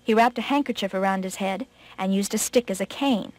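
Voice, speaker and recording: A woman narrating a children's folk tale in an expressive, gently dramatic way. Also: medium pitch, fairly quick, dry recording. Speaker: storyteller.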